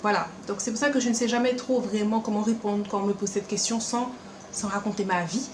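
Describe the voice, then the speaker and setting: In an echoey room at home, with a faint hum behind her, a young French beauty vlogger talks casually to camera, quick and animated, full of playful asides and acted-out quotes. Her mid-pitched voice mixes a Caribbean lilt with Paris French, reflecting a Paris birth and an upbringing partly in Martinique.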